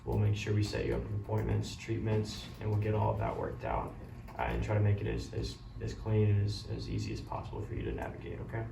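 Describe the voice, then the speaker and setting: A man playing a caring doctor who breaks bad news gently, apologetically and haltingly in a role-played consultation. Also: lowish voice, big pitch swings, vocal fry, heavily acted. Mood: gentle, apologetic. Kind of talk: amateur role-play of a medical consultation. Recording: roomy, distant mic, loud background noise.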